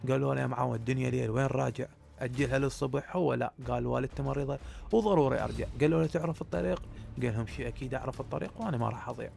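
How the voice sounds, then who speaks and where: A man with a Baghdad Iraqi accent tells a spooky desert tale at a quick clip. His voice is gravelly with a lot of vocal fry. He talks straight to his listeners and keeps the tension building. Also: medium pitch, a little mellow. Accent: Iraqi Arabic, Baghdad. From Iraq. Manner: addresses listeners directly, builds suspense. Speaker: storyteller. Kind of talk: casual spoken horror storytelling.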